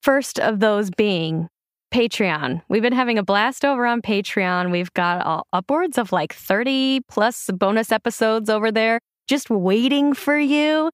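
A woman hosting a casual chat podcast, upbeat and quick to giggle. Her voice is smooth and clear, recorded dry and close. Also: a little high, dry recording. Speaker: podcast host.

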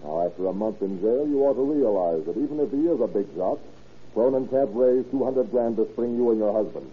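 A male actor playing a gruff, insistent 1930s police captain in a radio crime drama, talking in clipped, tough cop style. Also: mid-range voice, lively intonation, a little fast, close to an everyday voice. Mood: pressing, sardonic. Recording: tinny, noisy old radio recording.

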